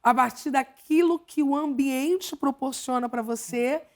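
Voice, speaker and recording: Higher-voiced Brazilian woman host. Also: a little mellow. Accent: Brazilian Portuguese. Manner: measured questions, affirming interjections. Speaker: pastor and host. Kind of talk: interview hosting.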